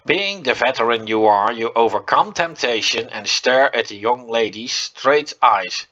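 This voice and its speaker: Bright-voiced man commenting on a game. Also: medium pitch, lively intonation, a little slow, dull audio. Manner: reads game text aloud, chatty asides with fillers. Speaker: gameplay commentator. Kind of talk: let's play commentary.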